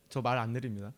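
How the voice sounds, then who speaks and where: Preaching conversationally against a noisy background, a male pastor from Chungcheong, South Korea, speaks in a mid-range voice. He frequently poses questions to the audience and is quick to laugh.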